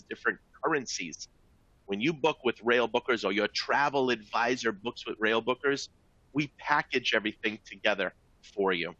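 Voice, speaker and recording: A man pitches sleeper train trips in a bright, forceful voice, upbeat and salesy, calling his listeners folks. The sound is close and dry, with a slightly dull, muffled tone. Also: no echo. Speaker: travel company presenter. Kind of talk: sales presentation to travel advisors.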